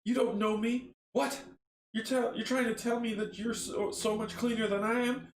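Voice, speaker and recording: A man voicing a desperate man yelling at his accusers to leave him alone. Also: extremely high pitch, little pitch movement, normal speed, slight background noise, voice pushed up. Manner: shouting, defensive. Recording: roomy echo.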